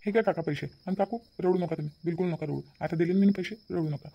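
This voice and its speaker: A man's voice: sits high, quick pace, creaky, warm tone. A man voicing a kind young nephew in a cartoon, earnestly reassuring his aunt. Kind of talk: cartoon voice acting.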